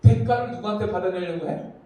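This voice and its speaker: A man's voice: sits high, quick pace. A man preaching a children's sermon, telling stories and acting out the voices he quotes. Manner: lively storytelling, acts out quoted voices. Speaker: children's pastor. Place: church hall. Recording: echoey church hall, mic from far off.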